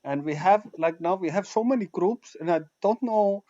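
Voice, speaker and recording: Halting high-voiced man hosting. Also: mellow. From Iceland. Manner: halting, searching for words. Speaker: meeting host. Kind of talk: casual online meeting talk. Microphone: video call. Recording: muffled video-call audio.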